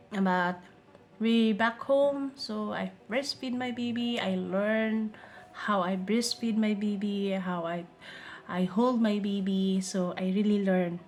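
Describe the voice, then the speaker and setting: A woman's voice: medium pitch, takes it slowly. A woman from the Philippines whose first language is Filipino, telling a personal story in simple English and repeating her phrases. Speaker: vlogger. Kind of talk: personal testimony vlog.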